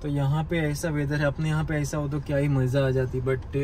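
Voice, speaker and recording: A young travel vlogger on a foggy, rainy hilltop chats casually to his viewers, calling them "guys." His voice is a little high, level and mellow at normal speed. He holds the phone at arm's length, and the outdoor recording picks up clear background noise.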